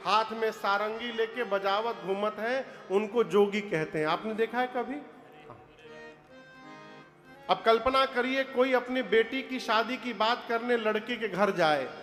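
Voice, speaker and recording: High-voiced preacher from eastern Uttar Pradesh. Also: male voice, fairly bright tone. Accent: eastern Uttar Pradesh (Purvanchal) Hindi. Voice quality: asks the audience to answer aloud. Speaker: Ram katha preacher. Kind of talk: devotional storytelling sermon with sung verses. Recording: long hall reverb with devotional music behind.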